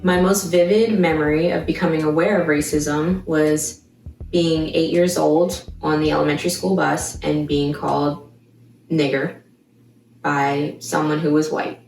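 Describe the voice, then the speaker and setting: A woman in her twenties from Baltimore, giving a measured, reflective personal account to camera. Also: sits low, fairly even intonation, vocal fry, recorded from a distance. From Baltimore, Maryland. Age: 20s. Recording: echoey room, voice from off-mic, soft music behind.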